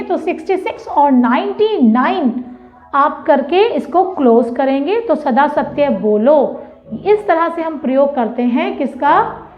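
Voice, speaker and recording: High-voiced woman teaching children patiently. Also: lo-fi sound. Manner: slow, patient explaining with repetitions and questions to the class. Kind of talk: Hindi grammar lesson for children.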